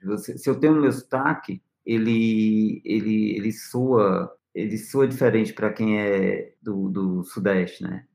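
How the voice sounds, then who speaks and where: A musician with a Northeastern Brazilian Portuguese accent answers interview questions hesitantly, as if searching for words. His fairly low, creaky, darkish voice is steady and a little slow with hardly any pauses, and the recording is reverberant.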